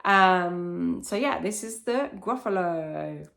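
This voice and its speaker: Casual woman with a low, creaky voice. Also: expressive, slow, a bit bright. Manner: enthusiastic, rambling, simple explanatory phrasing. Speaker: parent recommending children's books. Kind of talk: casual chat, book recommendations.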